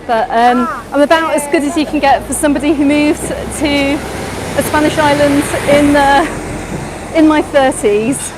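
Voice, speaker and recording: A middle-aged Englishwoman with an English accent leads a live walking tour as a travel vlogger, answering viewers' questions along the way. Her voice is high, steady and measured. She's outdoors on a busy beach promenade at dusk, and the live stream picks up crowd chatter and passing traffic.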